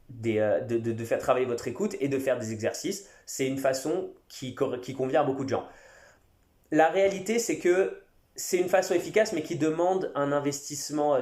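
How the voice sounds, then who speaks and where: A man speaks in a mid-range voice, chatting loosely as a podcast host and pausing to find his words. His voice rings off the walls of a reverberant room. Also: mid-range voice, darkish tone. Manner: conversational, many fillers and restarts. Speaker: podcast host and English teacher. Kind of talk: casual solo podcast talk.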